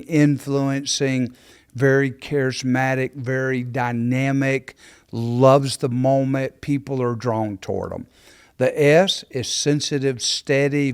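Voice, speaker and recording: Man, podcast co-host, practiced explaining, quick lists, mid pitch. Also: clear, resonant tone. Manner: practiced, listing traits in quick runs. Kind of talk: casual ministry podcast discussion.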